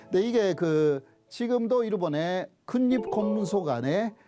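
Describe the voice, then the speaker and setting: High-pitched, animated Japanese-accented man lecturing. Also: a little slow, faint music behind. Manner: didactic, asks questions then answers them. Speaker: professor giving a lecture. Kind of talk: explanatory history lecture.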